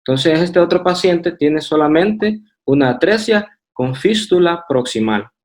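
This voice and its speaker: Male medical presenter, Honduran Spanish accent, slightly raised pitch, steady academic slide talk with small restarts. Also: a little slow. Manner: methodical, with hesitant fillers and restarts. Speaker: radiology resident presenting.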